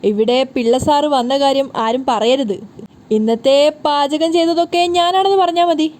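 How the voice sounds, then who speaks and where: A woman voicing a proud young man who boasts and defends himself loudly in a retold serial. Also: high voice, measured pace, a little hiss or hum. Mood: defensive.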